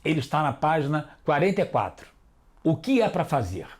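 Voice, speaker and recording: A man with a Brazilian Portuguese accent teaching a televised children's lesson, calling out words slowly one at a time. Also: fairly high pitch, very animated, darkish tone. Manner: slow, deliberate, spelling words out one by one. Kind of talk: scripted classroom instruction for children.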